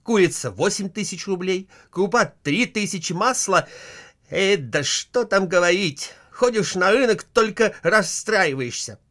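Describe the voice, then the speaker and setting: A high, shrill, nagging wife, as a male reader puts her on in a storybook reading. She scolds and whines with histrionic swings, climbing higher and louder as she complains. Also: lively intonation, a little slow. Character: shrill nagging middle-aged wife, quarrelsome.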